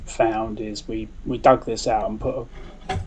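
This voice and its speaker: Lowish-voiced man explaining a build. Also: flat delivery, a little slow, darkish tone. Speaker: DIY build vlogger. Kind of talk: casual explanatory vlog talk. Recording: faint background noise.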